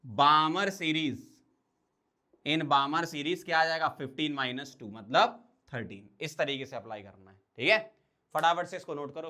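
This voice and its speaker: A man teaching exam-prep chemistry, quickly asking questions and answering them himself. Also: on the high side, bright, forceful tone. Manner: quick, drilling, asks and answers his own questions. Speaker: chemistry tutor.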